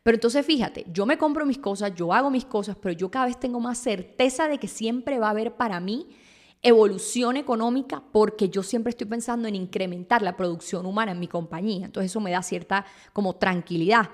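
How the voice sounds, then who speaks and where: An expressive woman talks through her thoughts in a casual monologue. Her delivery is animated and emphatic, and she sounds like she is in her thirties. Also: medium pitch, a little fast. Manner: animated, emphatic, reads quotes aloud. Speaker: podcast host, entrepreneur.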